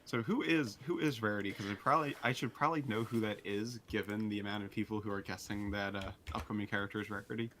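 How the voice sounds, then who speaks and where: American guy, lowish and bright, dry jokes, bit of hiss on the line. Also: steady tone, fast talker, few pauses. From United States. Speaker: guest. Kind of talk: casual chat.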